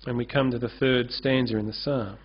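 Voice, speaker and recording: On a church stage with a curtain behind him, a pastor preaches earnestly and gestures freely at the lectern. His male voice is medium-pitched, steady, fairly quick and husky, recorded through a lectern mic with a dull, lo-fi sound.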